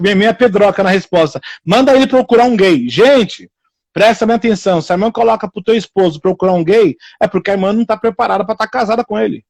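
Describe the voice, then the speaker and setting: A man's voice: sits high, no echo. A man preaching informally on a live stream, repeating himself and acting out the people he quotes. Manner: repetitive, animated, acts out quoted people in raised voices.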